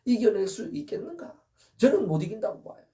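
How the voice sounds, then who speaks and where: High-voiced mellow man preaching a sermon. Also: very animated, fairly quick, distant mic. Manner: earnest, full of rhetorical questions. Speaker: pastor. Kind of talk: Easter sermon.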